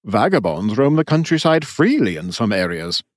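Man reading a smooth, genial lord in his forties, measured and lively in pitch, dry close sound. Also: no echo. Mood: concerned. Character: charming middle-aged male ruler, smooth.

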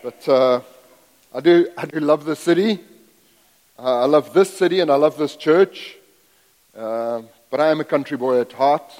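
A middle-aged guest preacher born in Zambia and raised in South Africa delivers a sermon in a fairly high, darkish voice at a moderate pace with long pauses. Folksy and self-deprecating, he drifts into asides. The church sanctuary gives his voice a long reverb.

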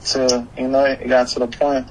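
This is a casual interview chat with a young hip-hop artist who was born in Haiti, moved to the US at eleven and is based in Florida. His medium-pitched, darkish voice moves little in pitch and keeps a moderate pace. He talks in slang, repeats himself and often drops "you know what I'm saying," over clearly noisy background ambience.

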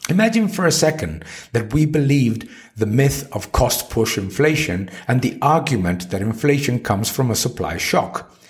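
Reading a scripted economics article, a man with a mid-range voice lets his intonation swing widely up and down. He lands each point with deliberate emphasis, like a narrator laying out an argument.

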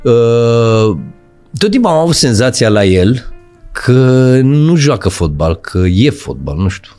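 A middle-aged man, an actor guest in casual chat, reflective and building his points slowly. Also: mid-range voice, big pitch swings, darkish tone, faint music behind.

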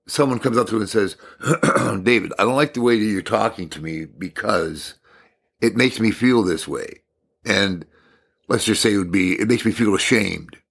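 The fairly low-pitched voice of a man teaching a devotional message is slightly raspy, worn from talking a lot. He keeps his delivery calm and unhurried, with thoughtful pauses.

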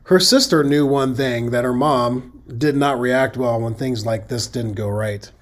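A middle-aged man with a Midwestern accent hosts a safety podcast, speaking in a medium pitch at a measured pace. His monologue is folksy and conversational, occasionally correcting itself.

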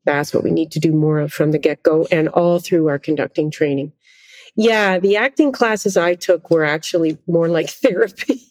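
A middle-aged woman, a conductor and interview guest, telling animated, self-deprecating stories in casual conversation. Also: deep voice, normal speed, no echo. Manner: animated, self-deprecating anecdotes with frequent laughter.

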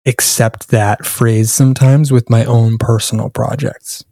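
A man's voice: mid-range voice, steady tone, measured pace, creaky, warm tone, no echo, studio quality. A man co-hosting a podcast in casual chat, reflective and earnest, asking probing questions. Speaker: podcast co-host.

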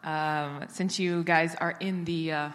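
Woman, 40s, from Israel, low voice, slightly hoarse, conversational sermon, long hall reverb. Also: fairly even intonation, slow. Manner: conversational, with fillers.

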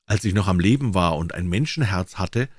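A man voicing a sorrowful, gentle golden prince statue in a storybook reading, soft and melodious. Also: low-pitched, lively intonation, brisk, slightly rough, no room sound, studio quality, voice pushed down.

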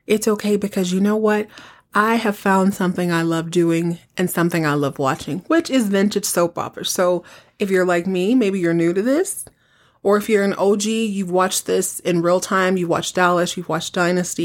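A woman's voice: lowish voice, normal speed. A woman podcast host giving an informal, conversational recap, telling the story with rhetorical questions and asides to the listener. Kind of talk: casual chatty episode recap.

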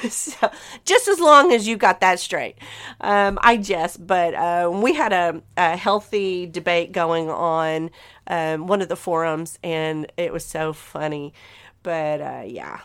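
Woman, solo podcast host; loose, chatty delivery, smooth and resonant tone. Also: fairly low pitch, a bit bright. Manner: chatty, rambling, laughs often. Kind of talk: casual solo podcast chat.

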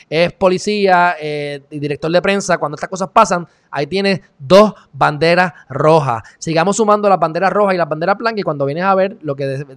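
A man with a Puerto Rican accent hosting a live stream, giving heated, sarcastic commentary and reading the chat. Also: fairly high pitch. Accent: Puerto Rican Spanish. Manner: sarcastic, heated, mocking asides. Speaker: online show host.

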